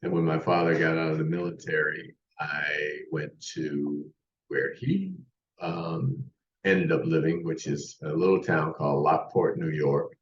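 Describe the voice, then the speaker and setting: With a bass voice and measured pace, a man from the United States in his sixties tells his life story on a podcast. He's a guest in a casual interview, rambling and restarting often, and the remote mic sounds distant, roomy, and muffled.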